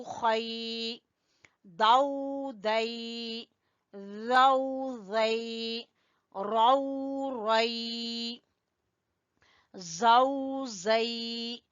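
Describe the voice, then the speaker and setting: A woman teaching Quran recitation, drilling syllables slowly and patiently. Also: on the high side, a bit bright, dry recording, dull audio. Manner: patient, repeats syllables slowly, often says "theek hai". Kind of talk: slow, drilled tajweed lesson.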